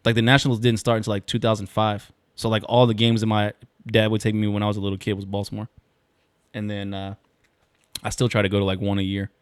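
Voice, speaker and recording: A young man co-hosting a podcast, chatting loosely and jokingly in slangy talk, now and then slipping into quick impressions of other people. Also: on the low side, completely flat delivery, clear, resonant tone, no echo. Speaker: podcast co-host. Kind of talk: casual chat.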